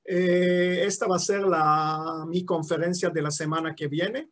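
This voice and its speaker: Older Israeli-born man, 70s, online lecturer; slow and hesitant, lots of fillers, slightly high voice, video-call sound. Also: fairly even intonation. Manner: halting, many drawn-out "eh" fillers and restarts. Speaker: guest lecturer. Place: at home in his city, video call. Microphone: video call mic.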